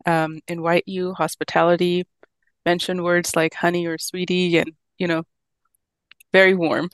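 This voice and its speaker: A woman's voice: fairly low pitch, little pitch movement, a little slow, clean tone, no room sound. A woman in her thirties from Pakistan, a physician guest telling her story in a friendly way and laughing easily. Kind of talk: casual interview talk.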